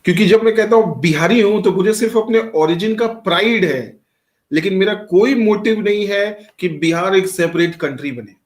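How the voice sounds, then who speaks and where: A middle-aged man from Bihar, India, teaches a class in a high voice at normal speed, mixing plenty of English into his Hindi. He poses rhetorical questions and answers them himself, and quizzes students by calling on them by name.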